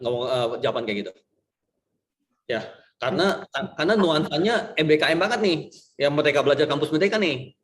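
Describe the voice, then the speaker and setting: A male lecturer talks to his class in loose, slangy speech. He rambles and jokes, drifting between points. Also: fairly high pitch. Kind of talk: casual online class talk.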